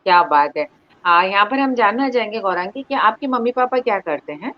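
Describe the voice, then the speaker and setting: A woman's voice: medium pitch, lively intonation, a little fast, dull audio. A woman hosting an online interview, formal and encouraging, often stopping to praise her guest. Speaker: interview host.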